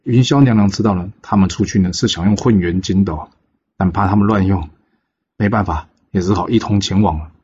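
Husky low-voiced male storyteller. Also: fairly quick. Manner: lively, with exclamations and filler particles. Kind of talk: oral storytelling of a legend. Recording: dull lo-fi recording.

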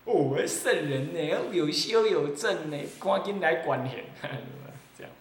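A man from Taiwan with a Taiwanese accent, an abbot giving a Buddhist sermon in a lively, mocking way and often laughing. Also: fairly high pitch, takes it slowly. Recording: echoey roomy recording.

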